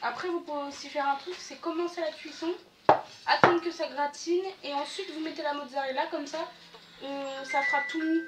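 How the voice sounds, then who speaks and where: A young woman explaining cooking steps in a relaxed way in her home kitchen. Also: high-pitched, normal speed. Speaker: daughter cooking alongside. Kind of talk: casual cooking chat. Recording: noisy kitchen with clattering cutlery.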